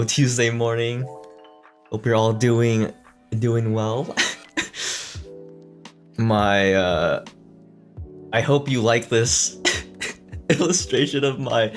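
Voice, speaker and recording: A man hosting a casual chat stream, easygoing and quick to laugh, often restarting his words. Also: mid-range voice. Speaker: streamer host. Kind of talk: casual chat reading fan questions. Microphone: desk mic.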